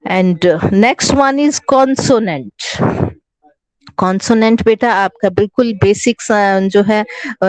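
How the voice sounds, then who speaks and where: A woman with an Indian accent and a mid-range, slightly mellow voice is heard in a dry recording from her online class microphone. Teaching English to children online, she goes slowly and patiently, uses both Hindi and English, spells out words one letter at a time, and calls each child "beta".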